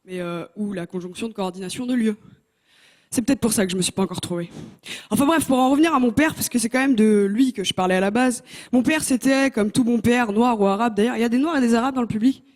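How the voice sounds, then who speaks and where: A young female contestant does her stand-up act on a TV talent show stage, talking fast in a slightly high voice through a handheld mic. Her manner is lively, and she teases the crowd.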